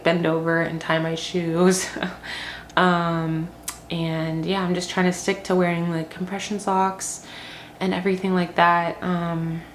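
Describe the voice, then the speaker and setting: Young woman vlogger, low-pitched, rambling chatty delivery with fillers, slightly breathless, echoey home room with faint ambience. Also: slight background noise. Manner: chatty, rambling, many ums and likes. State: short of breath. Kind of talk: casual pregnancy update.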